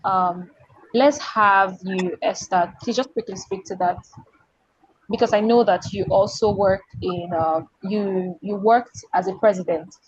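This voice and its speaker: A woman's voice: mid-range voice, fairly even intonation, a little slow, slightly rough, no echo, highs cut off. A woman hosting an online panel over a video call, circling back and restarting her questions. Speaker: panel host.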